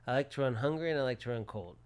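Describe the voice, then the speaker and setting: A plastic surgeon in his forties co-hosts a podcast, chatting casually in short, repeated phrases. His medium-pitched voice sounds smooth and races along.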